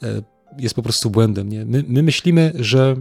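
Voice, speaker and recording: A man's voice: medium pitch, normal speed, gravelly, a little mellow, husky, dry recording, soft background music. A man preaching an informal sermon, talking conversationally with many fillers, repeated words and tag questions to the listeners.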